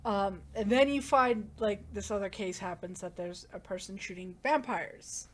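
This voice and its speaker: A woman's voice: mid-range voice, normal speed. A woman giving a casual, rambling plot recap as a manga reviewer, with lots of "like" and self-corrections.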